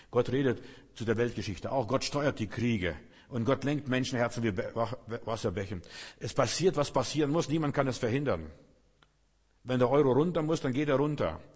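A middle-aged man, a pastor, preaching a sermon with emphatic swings between loud calls and hushed, drawn-out phrases. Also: mid-range voice, slightly rough. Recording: long reverb of a large hall.

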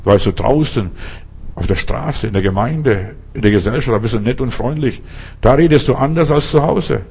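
A man's voice: mid-range voice, normal speed, darkish tone, slightly rough. A male preacher giving an emphatic sermon, speaking straight to the listener with pointed rhetorical questions.

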